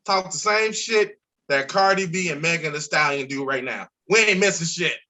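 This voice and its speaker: A man's voice: on the high side, moderate pace. A man in his forties from Chicago, an insurance broker guest talking casually and emphatically on a podcast, swearing freely. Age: 40s. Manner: emphatic, profane, animated storytelling.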